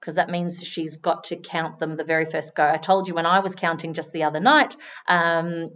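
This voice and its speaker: A woman giving chatty live commentary on a wildlife stream, now and then breaking into excited exclamations. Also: low voice, highs cut off.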